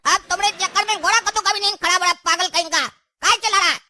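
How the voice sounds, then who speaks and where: Very high, sharp-voiced scolding woman. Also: steady tone, racing, no room sound, clean studio sound. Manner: shrill, insulting. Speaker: son character in a comedy sketch. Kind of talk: scripted comedy sketch.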